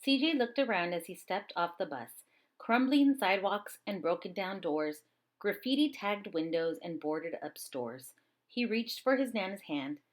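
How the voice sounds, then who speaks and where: A female storybook reader with a mid-range voice narrates a children's story out loud. Her delivery is expressive and her pace moderate.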